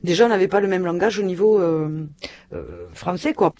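A man's voice: high-pitched, wildly swooping pitch, moderate pace, darkish tone. A man with a southern French accent, chatting casually as an interviewee.

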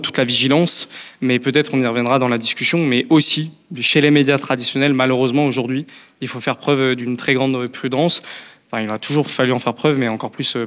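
Male politician guest, quick and hesitant delivery, long reverb in a hall. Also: mid-range voice, a bit bright. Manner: thoughtful, many hesitations and restarts. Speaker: member of parliament guest. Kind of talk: political discussion.

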